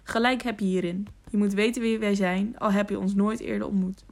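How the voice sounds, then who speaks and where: A woman voicing a calm, commanding famous male knight who speaks in a measured, steady way, in an audiobook reading. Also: medium pitch, gravelly, close to an everyday voice.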